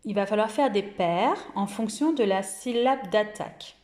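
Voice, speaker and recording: A woman's voice: mid-range voice, animated, darkish tone, roomy sound. A woman from France, a kindergarten teacher, giving a recorded lesson and drawing out each syllable carefully. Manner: slow, carefully articulated, stretches out syllables. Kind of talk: recorded home-school lesson.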